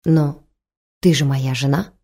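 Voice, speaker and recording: A woman voicing a weary middle-aged husband who speaks slowly, softly and hesitantly. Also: deep voice, steady tone, breathy edge, heavily acted. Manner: slow, hesitant, soft-spoken.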